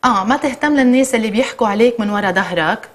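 A woman's voice: on the high side, very fast, slight background noise. A woman with a Lebanese accent, a guest on a television chat show, talking playfully and joking often. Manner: playful, jokey. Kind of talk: casual TV chat. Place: TV studio.

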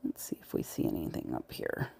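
Brisk and dark-toned, a woman narrates a casual shop-with-me vlog as she looks through a big thrift store's shelves, sometimes whispering. She resells thrifted goods, and a body-worn camera mic records her point of view.

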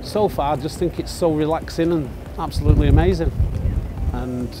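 An older man, a volunteer being interviewed outdoors, talking in a plain, soft-spoken way. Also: fairly high pitch, fairly quick, over music. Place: outdoors, garden. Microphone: lapel.

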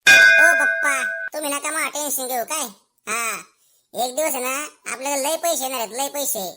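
A woman's voice: high voice, a little fast, heavy background noise, lightly acted. A woman playing a lazy, cheeky schoolboy in a comedy sketch. He whines, talks back and fakes being ill to skip school, with rustic slang. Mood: boastful. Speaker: main character.

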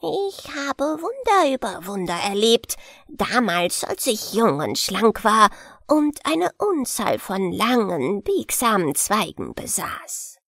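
A woman's voice: on the high side, fairly bright tone, no echo, studio quality, exaggerated voice. A woman voicing a grumpy old male willow stump in a storybook, scolding and growling.

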